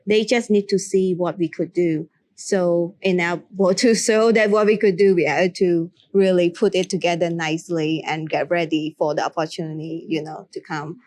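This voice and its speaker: Speaking at a moderate pace with fairly even intonation, this young makeup artist from Cambodia gives sincere, encouraging advice in response to an interview question. She restarts often and her English phrasing is broken; her voice is lowish and darkish, recorded dry.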